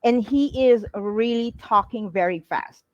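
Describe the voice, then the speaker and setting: A woman teaching a live online class as a coach, explaining step by step with many pauses and frequent checks like "right?" and "okay?". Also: a little high, no echo, lo-fi sound. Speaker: virtual assistant coach.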